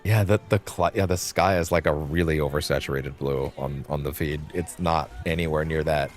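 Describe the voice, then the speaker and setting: Casting: male streamer, deep-pitched, informal and unscripted, game music underneath. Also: steady tone, moderate pace. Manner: informal, sweary, thinking aloud. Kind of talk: casual live gameplay commentary.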